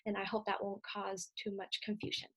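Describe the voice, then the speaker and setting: A woman who speaks Cantonese as her first language delivers a recorded slide lecture, measured and explanatory, with frequent filler sounds. Her voice is medium-pitched, monotone, a bit bright, and slightly rough.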